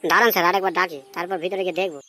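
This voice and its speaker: A woman voicing a forgetful, eager-to-please male police officer in a comedy cartoon, with quick, deferential replies. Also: fairly low pitch, fairly even intonation, noisy background, natural voice. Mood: obliging. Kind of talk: cartoon voice acting.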